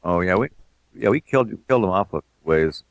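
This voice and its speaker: Deep-voiced relaxed man. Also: fairly quick, no echo, muffled recording. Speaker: game developer. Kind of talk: casual commentary.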